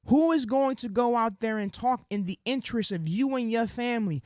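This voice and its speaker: A man's voice: extremely high pitch, brisk, dry recording. Man, political monologue, preachy, slangy, dry close sound. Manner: preachy, street slang, addresses audience as ladies and gentlemen; drops into soft sweet-talk voice when acting out quotes. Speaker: political commentary host. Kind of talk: direct-to-camera political monologue.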